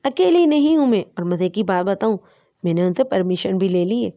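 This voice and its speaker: A woman voicing a cheerful, breezy young woman who talks in a lively, teasing way, on a dull lo-fi recording. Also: medium pitch, lightly acted.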